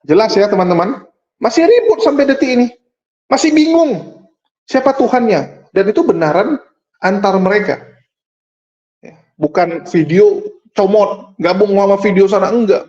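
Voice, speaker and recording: A man's voice: high-pitched, moderate pace, a little mellow. A man hosting a video channel, commenting wryly and with exasperation on a clip. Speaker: channel host. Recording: roomy, dull sound.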